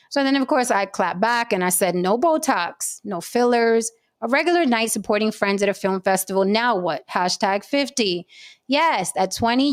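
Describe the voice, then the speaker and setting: Brief: forties woman, talk-show host, chatty storyteller, average pitch. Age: 40s. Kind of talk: casual panel chat.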